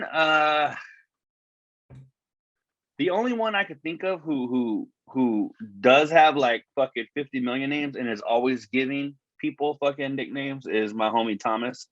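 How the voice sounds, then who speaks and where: A man's voice: mid-range voice, fairly bright tone, no room sound. A man co-hosting a podcast in casual chat, rambling with lots of cursing and fillers, his voice tinny from an earbud microphone. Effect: tinny sound from earbud microphone. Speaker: podcast co-host. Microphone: wireless earbuds as microphone. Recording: dull lo-fi earbud mic, dry.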